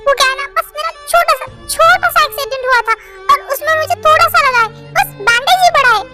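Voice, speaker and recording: A woman's voice: very high-pitched, quick pace, bright, forceful tone, no echo, faint music behind, pitched above the performer's own voice. A woman doing a meek, pleading younger sister. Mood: soothing. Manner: pleading, soothing. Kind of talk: Hindi fan-dub story voice acting.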